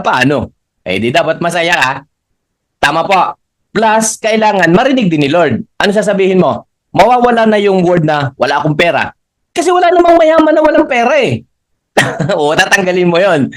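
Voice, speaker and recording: A man leading a live motivational training, animated and laughing often, guiding the audience through spoken affirmations. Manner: animated, laughing often, swings pitch up for emphasis. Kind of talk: live training talk, Taglish.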